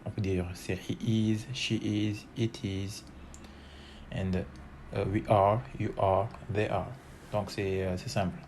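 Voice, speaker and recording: A man with as his talks through an English grammar lesson very slowly, hesitating often and repeating each form. His voice sits a little low. A faint hiss runs under the recording. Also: level tone, a little mellow. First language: French. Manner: slow and hesitant, many fillers, repeats each form several times. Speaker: English teacher. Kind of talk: bilingual online lesson, switching between French and English.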